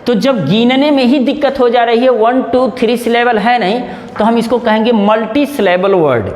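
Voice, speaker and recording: A man teaching basic English grammar in a casual lesson, repeating words and drawing out their sounds, a little nervous. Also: very high-pitched. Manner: slow, repeats and spells out sounds. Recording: echoey room with long reverb.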